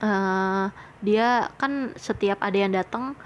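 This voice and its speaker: A young woman hosts a podcast, speaking slowly in a mid-range voice on a recording with cut-off highs and a little hiss or hum. She tells a personal story casually, earnest and grateful, leaning on fillers and retelling conversations.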